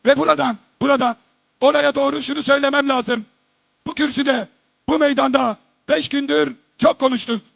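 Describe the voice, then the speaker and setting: A man's voice: very high-pitched, fairly even intonation, normal speed, creaky, a bit bright, no room sound. A man addressing a party congress from a podium microphone, giving a formal political speech. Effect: speaking into a podium microphone.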